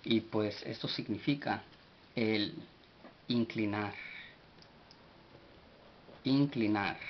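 A man giving a vocabulary lesson, spelling words out letter by letter and pausing often with fillers. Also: fairly low pitch. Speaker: language teacher. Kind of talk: slow spoken vocabulary lesson. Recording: dull lo-fi recording with faint hiss.

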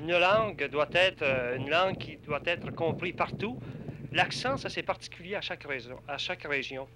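A man with a fairly high voice speaks formally and carefully. Wind and street noise are clearly heard on this 1967 archival tape. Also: expressive, moderate pace. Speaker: passer-by in a street interview. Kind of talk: formal street interview answer.

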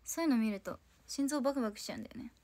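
A woman's voice: on the high side, rapid-fire, darkish tone. A woman in her twenties from Tokyo, hosting a casual solo livestream and chatting playfully in answer to viewer comments. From Tokyo, Japan. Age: 20s. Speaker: idol livestream host.

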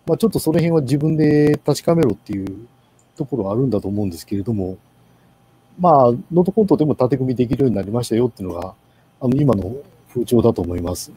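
Fast-talking, husky man presenting. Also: medium pitch, expressive, dark tone, low-quality recording. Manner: hesitant, many fillers. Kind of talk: online meeting presentation. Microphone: video call.

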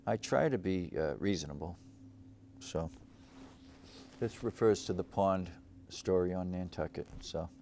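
A man's voice: deep voice, unhurried, long pauses, dark tone, a little hiss or hum. A middle-aged man from Cape Cod hosting a local show, seated at a studio desk and wandering through reflective memories, full of fillers and restarts. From Cape Cod, Massachusetts. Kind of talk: rambling local-history monologue.

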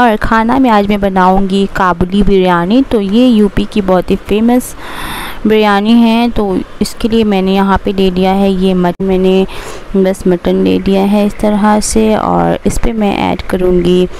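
A woman's voice: mid-range voice, creaky, a little mellow, slight background noise. A young woman chatting through her home cooking steps in a casual voice-over, explaining each step as she goes. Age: young adult. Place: home kitchen.

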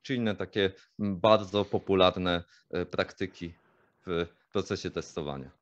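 Guy asking stuff on a vlog, dry kinda muffled audio, calm questions. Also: sits low, dry recording. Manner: measured, asks follow-up questions with fillers. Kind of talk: casual conversational Q&A.

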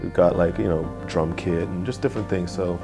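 A man's voice: low-pitched, creaky. A young man from Nigeria, a music producer, talking casually in an interview in a music studio, often saying "you know". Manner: relaxed, fills pauses with "you know".

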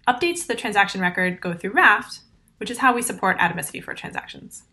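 A woman in her thirties giving a recorded conference talk over slides, explaining technical steps clearly and methodically into a laptop mic. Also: medium pitch, animated, fast talker, bright, forceful tone. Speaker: conference presenter.

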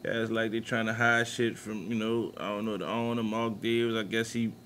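New orleans guy cohosting a sports podcast, bright punchy voice, cusses a lot, loose and emphatic. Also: fairly low pitch, level tone, fairly quick, slight background noise. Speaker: podcast co-host. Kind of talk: casual sports talk.

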